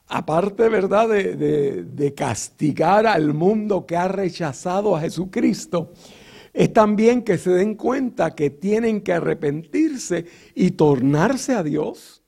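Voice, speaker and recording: Man, preacher, sermon, slow delivery, gravelly voice, rhetorical questions. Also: high voice, lively intonation, warm tone. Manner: teaching Bible verses with rhetorical questions; frequent filler sounds and restarts.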